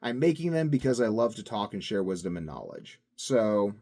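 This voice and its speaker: Very animated yet a little mellow, this man's lowish voice moves at a moderate pace. He's a vlogger rambling to his own channel, wandering between thoughts with frequent fillers.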